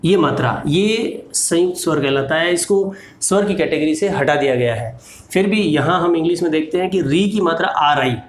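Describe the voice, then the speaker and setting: A man teaching a slow, patient lesson, spelling letters out one by one. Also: on the high side, reverberant.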